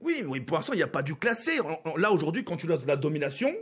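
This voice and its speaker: A man's voice: a little high, sing-song, fast, slightly rough. A man from France streaming a game, ranting at his viewers with exasperation, swearing and stumbling over his words. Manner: exasperated, swearing, stammering restarts.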